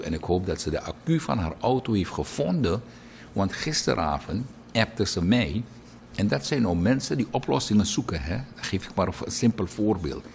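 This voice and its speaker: Deep-voiced man reading birthday wishes. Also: a little hiss or hum. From Suriname. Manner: chatty, lively, digresses into anecdotes. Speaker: radio and TV presenter. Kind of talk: birthday announcements on broadcast.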